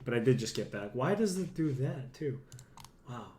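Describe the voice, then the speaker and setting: A man's voice: medium pitch, lively intonation, moderate pace, darkish tone, a little hiss or hum. A young man who is a bit sick and losing his voice, chatting casually with viewers on a live stream from a room at home. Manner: chatty, self-deprecating, talks to chat. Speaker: streamer playing a card game.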